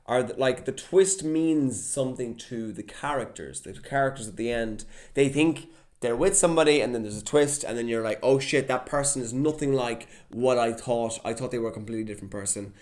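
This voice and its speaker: A young man hosting his own podcast in a casual solo chat, lively and chatty, slipping into quick mock voices. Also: mid-range voice. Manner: chatty, animated, drops into mock impressions. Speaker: podcast host.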